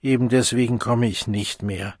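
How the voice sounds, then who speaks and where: A man's voice: mid-range voice, fairly even intonation, moderate pace, darkish tone, breathy edge, no room sound, studio quality, close to an everyday voice. A man reading an audiobook, voicing a curt, scornful young man who refuses to come out.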